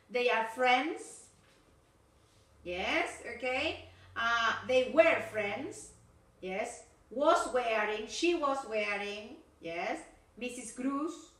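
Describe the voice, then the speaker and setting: A woman's voice: high voice, bright, forceful tone. A woman English teacher with a Rioplatense Spanish accent, giving corrective feedback in a recorded video class and switching between Spanish and English. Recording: echoey room, voice from far off.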